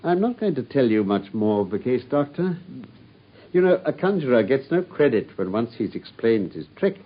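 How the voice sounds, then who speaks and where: In a radio drama with dull, lo-fi radio sound, an actor plays a brilliant, self-assured Victorian detective, lecturing confidently through his deductions. His mid-range voice is very animated at a moderate pace.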